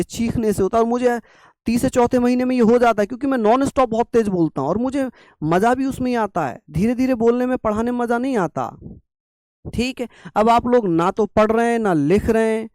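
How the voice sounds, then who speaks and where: A man's voice: extremely high pitch, a little mellow, no echo. A young man teaching an exam-prep class through a sore throat, coaxing and scolding students to write notes. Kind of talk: online exam-prep lecture.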